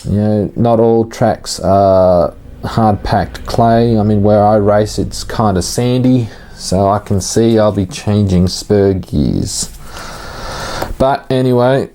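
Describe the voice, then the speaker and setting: Laid back guy doing a hobby how-to, kinda deep voice, real slow, stops and starts while he works. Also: dark tone. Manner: informal, halting, thinking aloud while working with hands. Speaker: hobbyist host of an RC car build series. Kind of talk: casual hands-on tutorial narration.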